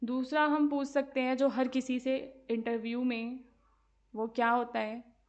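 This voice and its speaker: A woman's voice: high-pitched, little pitch movement, dull audio. A woman teacher explaining exam answers step by step, mixing Hindi and English and often checking with her students. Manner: slowly spells out English sentences word by word while dictating. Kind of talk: exam-prep lesson.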